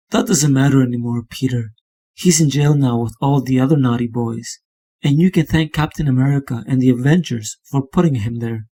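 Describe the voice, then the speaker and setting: Older aunt figure, man voicing, patronizing, coddling, husky, dark tone, motion comic. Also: medium pitch, natural voice. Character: sweet-talking old aunt, sinister underneath.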